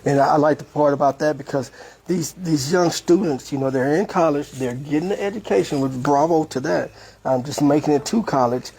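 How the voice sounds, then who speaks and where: A man's voice: on the high side, brisk, gravelly, warm tone, slightly rough, low-quality recording. A man hosting a community podcast, interviewing his guest in a laid-back way with frequent affirming remarks. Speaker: host. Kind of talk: casual interview.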